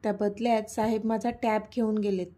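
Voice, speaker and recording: A woman's voice: mid-range voice, flat delivery, fairly quick, warm tone, lightly acted. A woman voicing a playful, teasing young man, the romantic lead of a spoken story.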